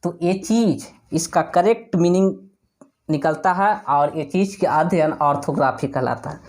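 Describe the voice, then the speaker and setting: During an English lesson, a man explains spelling and pronunciation, asking himself questions and answering them, and repeats words slowly as a drill. His voice is fairly high in pitch and a little mellow.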